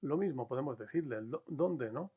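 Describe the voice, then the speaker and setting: Measured male teacher. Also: medium pitch, lively intonation, warm tone, slightly rough. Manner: measured, explanatory, stresses key words slowly; addresses students directly with frequent "eh" fillers. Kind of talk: recorded grammar lesson.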